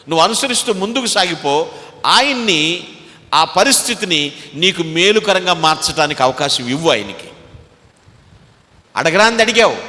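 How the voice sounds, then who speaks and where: A man with a Telugu accent preaching a sermon as pastor, swinging between loud exhortation and quiet, low asides. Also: big-room sound.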